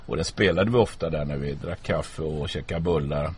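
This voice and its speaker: An older man telling stories casually as a radio guest, his voice sitting very low. He chats along easily and puts on small voices for the people he quotes. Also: darkish tone, slight background noise. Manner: chatty storyteller who acts out quotes. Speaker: guest, former municipal politician. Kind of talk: casual anecdotal storytelling.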